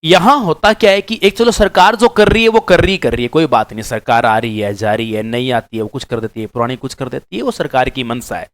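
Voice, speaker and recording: A man's voice: medium pitch, fairly quick, few pauses. A man teaching exam-prep students, lecturing straight to them emphatically and repeating key words for stress. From Rajasthan. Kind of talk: direct-to-camera lecture.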